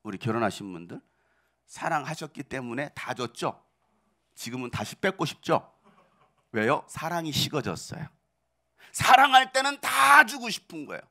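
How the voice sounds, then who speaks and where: A man's voice: on the high side, big pitch swings, normal speed, vocal fry, long pauses, bright, forceful tone. A middle-aged male pastor preaching a sermon, asking the congregation rhetorical questions and driving his points home with building emphasis.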